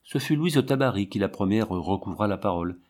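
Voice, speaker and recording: Low-voiced male audiobook narrator. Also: animated, a little mellow. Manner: dramatic, measured.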